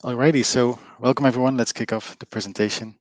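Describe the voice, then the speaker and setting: A company co-founder from Belgium, middle-aged and with a Flemish accent, gives a chatty live online presentation packed with fillers and frequent appeals to his audience. He talks quickly at medium pitch with fairly even intonation, and there's no echo.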